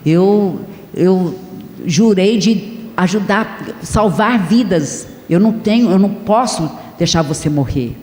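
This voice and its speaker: Woman voicing a gentle army nurse. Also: medium pitch, slow pace, reverberant, big-room sound, natural voice. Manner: soothing, patient.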